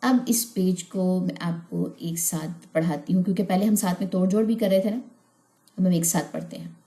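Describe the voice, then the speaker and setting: A woman teaching Quran reading, patiently spelling out letters and syllables in drawn-out recitation. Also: lowish voice, warm tone, reverberant. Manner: patient, drawn-out syllables when reciting, plain explaining between. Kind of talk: slow spelled-out recitation lesson.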